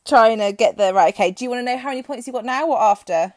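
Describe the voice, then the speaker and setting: A woman's voice: on the high side, quick pace, dry recording. A woman moderating a casual debate, breathless and giggly.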